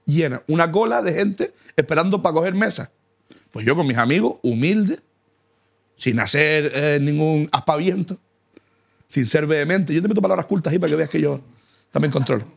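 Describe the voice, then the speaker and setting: A comic man spins mock-humble brag stories in a gravelly, fairly high voice. His pitch leaps and swoops as he talks, and he keeps breaking into laughter. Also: lively intonation, normal speed. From Canary Islands. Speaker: comedian guest. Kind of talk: comic storytelling in casual chat. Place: car.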